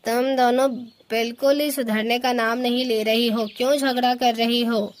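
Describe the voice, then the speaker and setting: A woman's voice: fairly high pitch, steady tone, moderate pace, slight background noise, lightly acted. A woman voicing a bossy older female crow mother-in-law who scolds and gives orders in a cartoon. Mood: scolding. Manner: scolding, commanding. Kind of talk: cartoon voice acting.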